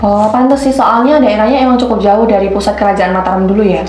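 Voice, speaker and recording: Speaking quickly at a medium pitch with fairly even intonation, a young adult woman from Central Java co-hosts an educational podcast as an intern student. She has a Solo-Yogya Javanese accent, a slightly mellow tone, and asks curious follow-up questions in scripted educational chat. The sound is roomy, with soft background music.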